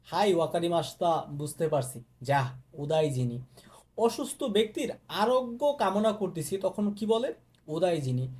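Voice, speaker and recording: A man teaching a casual Japanese lesson. He says each Japanese word slowly, repeats it, and then explains it. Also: high voice, big pitch swings, a little mellow. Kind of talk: casual spoken language lesson.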